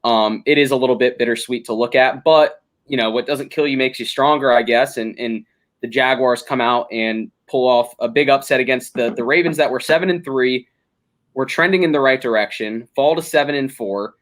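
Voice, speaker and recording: A man's voice: medium pitch, moderate pace, fairly bright tone. A young man hosting a casual sports podcast, talking through games analytically with frequent ums and restarts. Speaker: podcast host.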